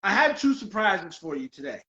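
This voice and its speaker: A middle-aged man hosting a casual interview over a video call, excitable, exclaiming and repeating himself. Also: high voice, normal speed, highs cut off. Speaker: podcast host.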